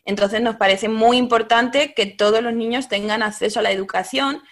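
Woman in her thirties, podcast guest, thoughtful and hesitant, a bit high-pitched. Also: steady tone, normal speed. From Spain. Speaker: guest, Spanish teacher. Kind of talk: casual interview talk.

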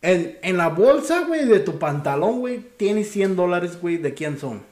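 A man's voice: sits high, very animated, moderate pace, a little mellow, roomy sound. A man with a Mexican accent, joking crudely in casual chat and saying güey constantly. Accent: Mexican Spanish.

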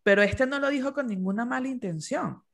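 Male psychologist, gravelly voice, explains client cases in easy conversation. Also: very high voice, brisk, fairly bright tone. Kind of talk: casual conversation.

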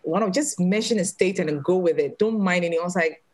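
A woman from Ghana tells a personal story on a casual podcast, speaking candidly and plainly. Her voice sits a little low for a woman. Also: quick pace, low-quality recording. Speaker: podcast guest.

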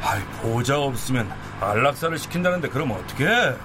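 A man playing a soft-hearted, excitable dog rescuer in a radio drama, animated and easily flustered. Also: medium pitch, a little fast, natural voice. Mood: casual, protesting. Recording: clear street and car noise behind.

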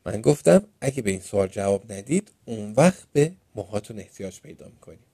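A man reading a children's storybook aloud in the first person, with a Persian accent and a lively, playful delivery. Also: lowish voice, gravelly, no echo, clean studio sound. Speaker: narrator.

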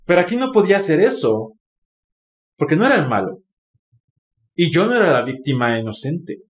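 A man's voice: a little high, very animated, normal speed. A man with a Mexican Spanish accent telling a personal story candidly, with swearing and lots of expression. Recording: roomy echo.

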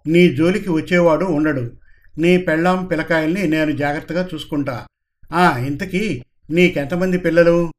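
Arrogant scheming boss, commanding tone; male narrator doubles the part, slightly high-pitched voice. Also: fairly even intonation, moderate pace, lightly acted. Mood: bossy. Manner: commanding, bossy.

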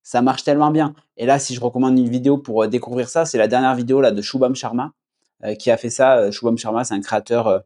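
A young man with a warm, dark southwest French accent talks as a podcast guest. He speaks in a relaxed, casual way, full of fillers and restarts. His pitch sits in the middle range. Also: fast. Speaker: podcast guest, agency founder. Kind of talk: casual conversation.

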